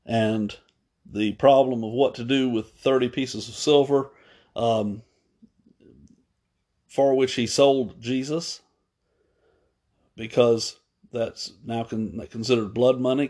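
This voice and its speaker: A man preaching a sermon, retelling a story at an unhurried pace with pauses, fillers and small self-corrections. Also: mid-range voice, fairly even intonation, a little mellow.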